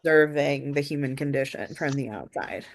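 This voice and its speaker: A woman with a low voice talks in a casual discussion. She sounds earnest, pausing and rephrasing as she works through her thoughts out loud, like a co-host sharing an opinion. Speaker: book review co-host.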